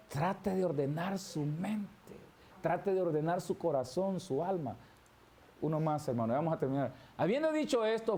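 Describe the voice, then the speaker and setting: A male pastor delivers a Bible study sermon in church, reading scripture aloud and constantly addressing his listeners as "hermano." His voice is fairly high with a dark tone, and there is slight background noise.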